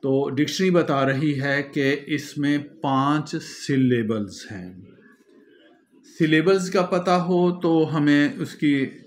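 A man's voice: a little high, slow pace, a little hiss or hum. A male teacher gives a classroom lecture, explaining patiently and spelling words out letter by letter.

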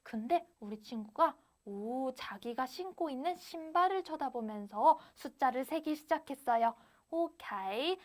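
A young adult woman teaches an online English class for small children. She talks in a high, bright register and stretches every English phrase out very slowly, in a sing-song way. She counts aloud and switches to Korean to explain. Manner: counts aloud with rising emphasis.

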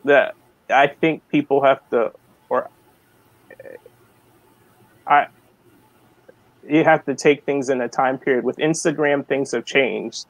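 A man's voice: mid-range voice, fairly even intonation, slow pace, pauses often, no room sound, low-quality recording. Man, 40, from the American South, artist guest, hesitant, video call, dry sound. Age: 40s. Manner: hesitant, many ums, thinks aloud. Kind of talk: casual video-call interview.

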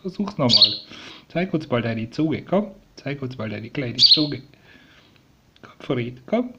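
A man talking softly and doting to a young sparrow he is raising, coaxing it and explaining to viewers in a casual home video. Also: medium pitch, big pitch swings, takes it slowly, muffled recording, over a noisy crowd. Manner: coaxing, soft and doting, often dropping to a whisper. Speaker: vlogger raising a rescued sparrow. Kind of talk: casual talk to a bird and viewers. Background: sparrow chirping.

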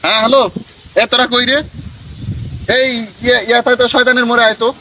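High-voiced boastful man. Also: level tone, fairly quick, heavy background noise. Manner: boastful and confrontational. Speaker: comedy sketch actor. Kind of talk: comic sketch dialogue.

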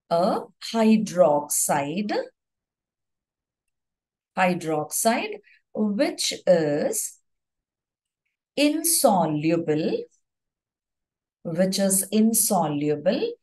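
A woman teaches an exam-focused chemistry lesson at a slow, unhurried pace. Her pitch moves a lot, rising and falling as she stresses key words. She dictates notes, repeating phrases and correcting herself along the way. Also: a little mellow, rough recording. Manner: self-corrects with fillers.

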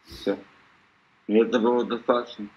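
A man's voice: medium pitch, flat delivery, moderate pace, dull audio. A middle-aged man on a video call, pressing his questions insistently and repeating them again and again. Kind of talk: heated casual argument.

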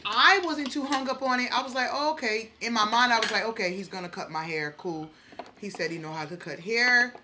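A woman's voice: a little high, fairly quick, pushed and bright, a little hiss or hum. A woman in her forties hosting a mukbang vlog at home, chatting with viewers and acting out her own reactions. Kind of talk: casual storytelling to viewers while eating. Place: home dining room, indoors. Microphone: camera on the table in front.

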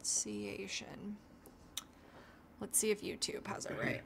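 Her voice is on the high side and a bit bright, at a moderate pace, with a little hiss or hum in the audio. She's a bubbly young American YouTuber chatting casually on a livestream and reading out chat comments.

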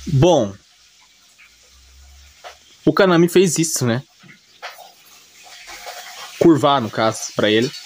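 Narrating an anime recap, a Brazilian-accented man speaks in a mid-range, animated voice but takes it slowly, with long pauses. His commentary is casual, unscripted, colloquial, and repetitive, often featuring little check-in tags, over slight background noise.

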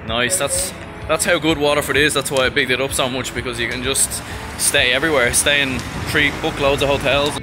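Man, 20s, casual travel vlogger, mid-pitched everyday voice, loud music under him. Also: steady tone, a little fast. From Ireland. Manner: upbeat, slangy, swears casually. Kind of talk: casual vlog narration. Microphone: handheld camera at arm's length.

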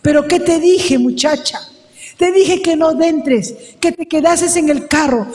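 A woman's voice: high-pitched, measured pace, darkish tone, long reverb tail. A woman voicing a stern but caring middle-aged father who talks in a firm, scolding way.

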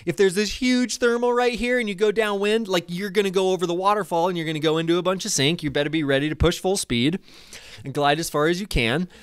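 A man in his thirties giving a casual, excited commentary over a replay of his own flight, at a desk microphone in a small room. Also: sits high, fast talker, clear, resonant tone, no echo, clean studio sound. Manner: enthusiastic, casual, swears when excited. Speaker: paragliding vlogger. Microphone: desk microphone in front.

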